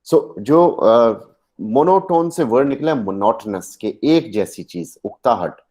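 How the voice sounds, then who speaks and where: A middle-aged man with a Pakistani accent teaches an online class, switching between his own language and English. His voice is dark and mellow at an ordinary pitch, and he grows animated, drawing out example sentences slowly to show stress and rising and falling tones. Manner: animated, demonstrates stress and intonation in slow drawn-out example sentences. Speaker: lecturer. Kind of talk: online lecture mixing Urdu and English.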